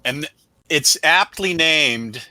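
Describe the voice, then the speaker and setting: Co-hosting a casual comic book review show, this man has a very bright, forceful, slightly high voice. He's blunt, emphatic, and opinionated in unscripted chat, expressive and slow. The sound is dry and close with no echo.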